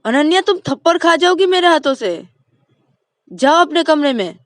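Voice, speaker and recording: A woman's voice: lowish voice, moderate pace, dry recording, studio quality, natural voice. A woman voicing a strict middle-aged mother who scolds and orders. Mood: scolding. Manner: loud, scolding.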